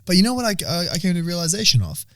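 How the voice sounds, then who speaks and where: A young Australian man co-hosting a podcast, his voice pitched a touch high and swinging up and down in animated bursts. He talks in loose, crude banter, swears freely and breaks into laughs. The sound is close and dry. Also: very fast, dry recording. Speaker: podcast co-host.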